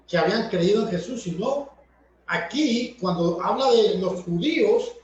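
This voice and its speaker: Preacher, male, high voice, slow deliberate teaching sermon, recorded far off in a very echoey room. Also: expressive. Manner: explanatory, repeats and rephrases points. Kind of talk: Bible study sermon. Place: church hall. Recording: echoey, distant, dull church recording.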